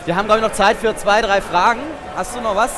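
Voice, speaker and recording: A man's voice: high voice, fairly even intonation, fast talker, crowd noise. A man in his thirties giving casual live commentary and asking questions as a show host. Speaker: game show host and player. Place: open booth at a games convention. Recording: noisy trade fair hall.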